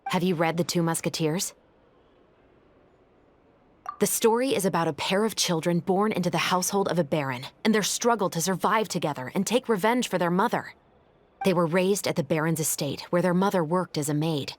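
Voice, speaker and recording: An actress playing a calm, principled female police captain in a game, talking in a level, matter-of-fact way. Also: lowish voice, close to an everyday voice. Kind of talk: game cutscene dialogue and story retelling.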